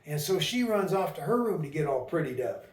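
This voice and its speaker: A man's voice: a little high, very animated, a little fast. A man telling a folk tale in a folksy, drawling storytelling manner. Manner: folksy, rural dialect, drawling asides. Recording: echoey room, voice a bit far from mic.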